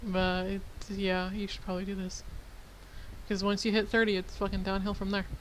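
A woman's voice: mid-range voice, little pitch movement, moderate pace, slight background noise, poor audio. A woman casually playing through a dating game aloud, reading it and reacting with frequent laughter and swearing. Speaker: let's player.

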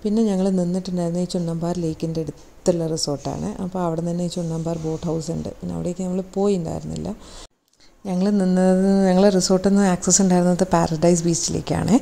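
A woman's voice: lowish voice, fairly even intonation, fast talker, creaky, dark tone. A woman with a Malayali accent narrating her travel vlog as a chatty voice-over, rambling and correcting herself as she goes. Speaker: travel vlogger.

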